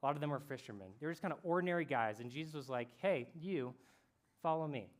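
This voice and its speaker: A man speaking as a camp speaker, telling a story in a casual, slangy way that swings between loud bursts and hushed moments. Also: medium pitch, expressive, racing. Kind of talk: youth camp talk.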